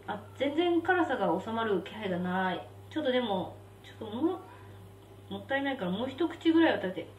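Young female stream host, casual chatter, lively and fairly high, roomy distant mic. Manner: chatty, reacting aloud to spicy food, reads viewer comments. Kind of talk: casual live-stream chat while eating. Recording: roomy, slightly distant mic with faint background hum.

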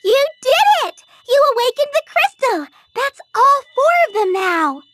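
An actress voicing a tiny, zealous, bossy fairy in a video game, excitable and commanding. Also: female voice, very high voice, measured pace, music in the background, heavily acted. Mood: exultant.

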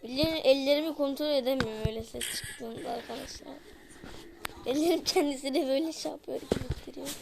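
Her voice sits high and a touch creaky, moving a little fast against a noisy background. She runs a gaming channel and is playing a horror game, jumpy and crying out at scares while constantly addressing her viewers.

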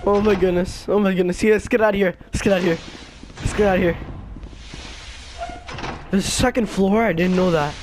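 Hyped gamer bro, very high-pitched male voice. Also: fairly even intonation, a little fast, long pauses, darkish tone, a little hiss or hum. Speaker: gamer playing a multiplayer horror game. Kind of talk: casual excited gaming chat with friends.

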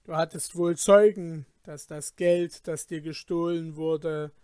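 A man's voice: on the high side, fairly even intonation, darkish tone, smooth, dry recording, studio quality. A man doing a stern, commanding caliph. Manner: measured and authoritative.

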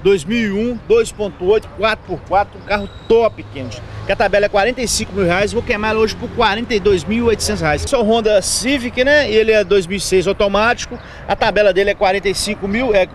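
A man's voice: sits high, fast talker, few pauses, slight background noise. A Brazilian man selling used cars, rattling off model years, specs and prices. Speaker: car dealer. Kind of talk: sales pitch voice-over.

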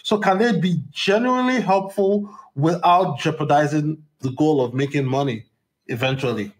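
A male podcast host asks long, winding questions about business. His voice sits a little high for a man, and he leans on fillers like um and you know. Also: normal speed.

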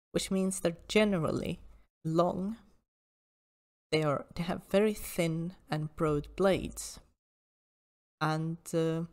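Female presenter, slightly low voice, informal history explainer, measured and precise delivery. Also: darkish tone.

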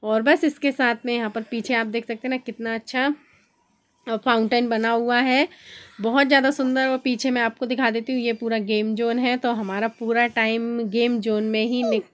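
A woman in her thirties talks through her family vlog in a chatty voice-over. Her voice sits a little high but stays quite flat in pitch, and she gushes warmly over everything she shows. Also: normal speed. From India. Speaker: family vlogger.

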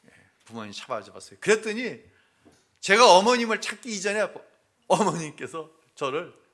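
Telling a personal family story in his sermon, a middle-aged male pastor alternates between hushed confession and loud acted-out quotes. He speaks at a normal speed, his high-pitched voice swinging widely in pitch.

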